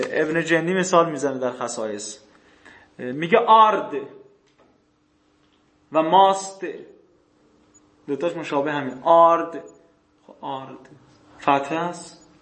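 A man with a fairly high voice teaches a lecture, reading passages slowly and then explaining them faster. He poses questions to his listeners and answers them himself, clearing his throat now and then. The room rings with echo. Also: fairly bright tone. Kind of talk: classroom lecture on grammar texts.

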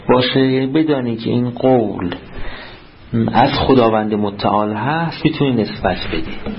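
A man's voice: mid-range voice, highs cut off. A man teaching a seminary class, reading passages aloud and explaining them, often quizzing his students. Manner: reads Arabic text then explains it in Persian, quizzing students. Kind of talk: classroom lecture on jurisprudence.

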